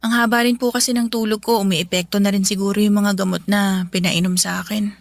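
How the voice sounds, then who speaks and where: A woman playing a young office worker, weak and feverish in a hospital bed, talking softly and politely in a radio drama. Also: mid-range voice, steady tone, a little fast, gravelly, no echo, lightly acted. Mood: tired. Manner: tired, soft, polite.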